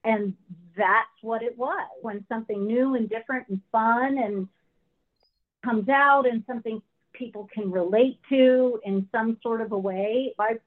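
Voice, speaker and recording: A woman's voice: on the high side, unhurried. A woman, a former actress, reminiscing casually about a film she was in. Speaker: actress, guest. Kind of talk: casual interview. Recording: phone-like line.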